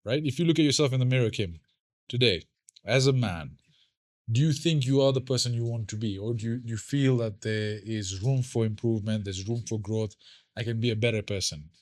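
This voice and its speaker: A man's voice: mid-range voice, a little fast, a little mellow. A man hosting a podcast, earnest, often repeating words as he starts a thought. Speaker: podcast host. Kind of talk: casual podcast chat.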